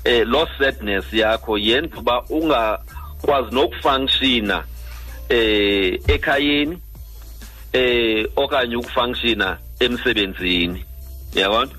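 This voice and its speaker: Husky South African man explaining on radio. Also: mid-range voice, unhurried, sharp tone, faint music behind. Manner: checks understanding with frequent tag questions. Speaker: doctor, guest expert.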